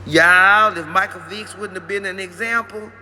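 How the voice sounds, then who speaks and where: Male comedian, chatty rambling monologue, high voice with a bright edge. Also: fairly even intonation, normal speed, a little hiss or hum. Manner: rambling, chatty, addresses audience directly.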